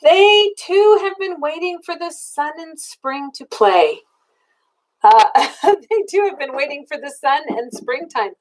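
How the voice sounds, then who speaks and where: Reading slowly from a children's storybook, an older woman uses a high voice with wide rises and falls, like a grandmother taking her time for a small listener. She is expressive and child-directed, weaving simple questions into the story, though the recording quality is low.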